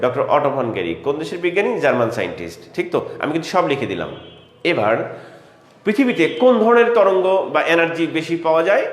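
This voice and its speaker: A male teacher giving an exam-prep lecture in a classroom. He talks fast with a lively, rising and falling pitch, asking questions and answering them himself. The voice echoes through a roomy hall over a faint hum of ambience. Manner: addresses students by name, repeats key terms.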